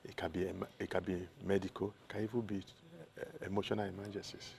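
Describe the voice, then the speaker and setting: A man with a Nigerian accent, a doctor answering interview questions in a measured way that lists examples one by one. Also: deep voice, flat delivery, creaky, a little mellow, a little hiss or hum. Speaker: doctor, consultant guest.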